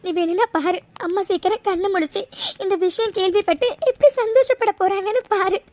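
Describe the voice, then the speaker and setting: Brief: gentle comforting girlfriend in a cartoon, as a woman puts her on, very high and dry-sounding. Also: fairly quick, no echo. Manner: soothing, pleading. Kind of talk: cartoon voice acting.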